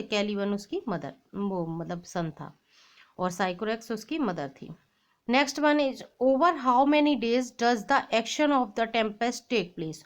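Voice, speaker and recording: Slow, high-voiced woman teaching exam prep. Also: clear, resonant tone. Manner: reads the English question slowly, then explains in quick mixed Hindi and English. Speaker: English teacher. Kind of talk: exam-prep lesson, reading out quiz questions.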